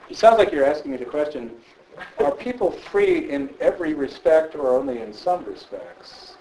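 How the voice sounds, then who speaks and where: A man's voice: on the high side, big pitch swings, moderate pace, mellow, a little hiss or hum, low-quality recording. A man speaking in a somewhat raised register, working through ideas aloud before an audience. He talks in a reflective, conversational way and keeps tagging his points with a questioning "right?". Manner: thoughtful, frequent "right?" tags. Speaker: philosopher answering audience questions. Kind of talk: conversational public Q&A.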